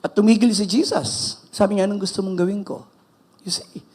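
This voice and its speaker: A man's voice: sits high, a little fast, darkish tone, husky. A man with a Filipino accent preaching a sermon as pastor, emphatic and switching between English and Filipino.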